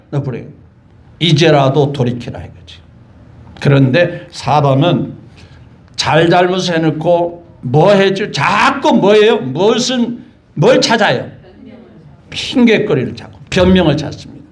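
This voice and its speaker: A male pastor preaching a sermon in a church, lively and constantly putting questions to the congregation. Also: a little high, measured pace. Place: church sanctuary.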